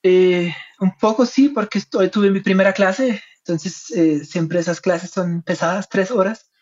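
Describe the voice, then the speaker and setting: A man's voice: high voice, unhurried, a little mellow. A man with a German accent, a native German speaker using Spanish, answers interview questions in a conversational way. His phrasing is reflective and hesitant, often checking in with short tag questions. The recording is dull and lo-fi. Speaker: interviewed academic researcher and author. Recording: dull, lo-fi sound.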